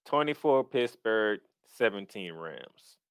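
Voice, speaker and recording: A man's voice: lowish voice, animated, slow, clear, resonant tone, no echo. A man hosting a sports podcast as a fan, sounding disgruntled and complaining, emphatic and then dropping into asides. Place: podcast recorded in Florida.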